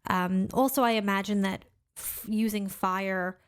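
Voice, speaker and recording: A woman's voice: mid-range voice, fairly even intonation, a little slow, clean tone. A woman co-hosting a podcast, chatting casually with lots of laughter and filler words. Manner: chatty, laughs often, many "like"s and "you know"s. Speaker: podcast co-host. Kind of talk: casual chat.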